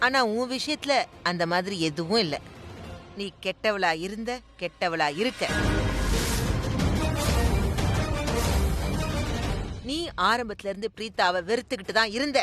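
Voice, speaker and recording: A woman's voice: mid-range voice, animated, normal speed, over loud music, close to an everyday voice. An actress dubbing a fierce, outspoken woman who confronts a schemer in a TV serial drama. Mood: accusing. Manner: accusing, sarcastic. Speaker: household member, once a maid. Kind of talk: dubbed TV serial acting.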